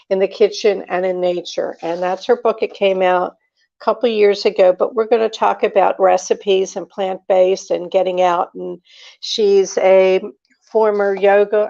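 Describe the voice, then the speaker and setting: An older woman hosting a food show, interviewing a guest and reading plugs and announcements in a slow, deliberate way. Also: medium pitch, gravelly, darkish tone, highs cut off. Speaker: radio host.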